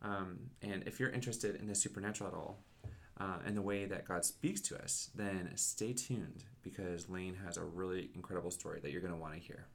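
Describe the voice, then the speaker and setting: Very deep-voiced male host. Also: brisk, gravelly. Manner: relaxed, with frequent fillers. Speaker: podcast host. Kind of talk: casual interview.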